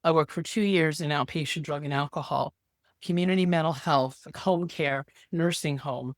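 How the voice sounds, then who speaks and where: A woman's voice: low-pitched, normal speed, no echo, studio quality. A woman in her sixties, a therapist and guest, telling stories in a casual, emphatic interview conversation. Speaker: podcast guest, social worker and therapist.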